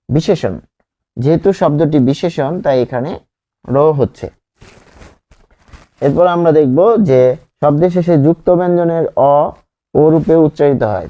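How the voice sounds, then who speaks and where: Male teacher giving a methodical exam-prep grammar lesson, mellow tone, muffled lo-fi recording. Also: a little high. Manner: slow, repetitive, repeats example words and asks the class questions.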